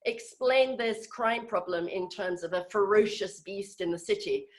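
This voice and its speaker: A woman's voice: mid-range voice, unhurried. A woman giving an informal talk on a video call, conversational and hesitant, with many fillers and restarts. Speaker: speaker in an online group session.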